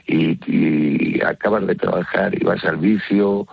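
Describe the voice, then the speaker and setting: An older man from Spain with a gravelly smoker's rasp, chatting haltingly as a listener calling in to a radio show. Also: deep voice, steady tone, no echo. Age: older, early retired. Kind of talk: casual conversation, personal account. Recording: dull lo-fi call to radio.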